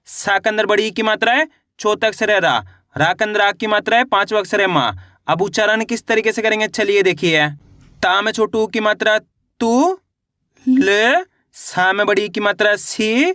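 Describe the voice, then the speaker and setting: A man teaching children to read, who sounds out each syllable slowly and then answers his own questions. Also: high-pitched, sharp tone, no echo, studio quality. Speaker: Hindi reading teacher. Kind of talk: spelling lesson.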